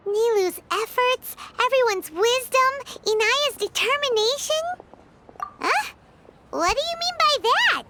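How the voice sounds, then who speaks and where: A woman voicing a small, excitable female floating companion who talks about herself in the third person. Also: very high voice, slow, heavy background noise, full character voice. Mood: chirpy. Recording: game audio over loud music.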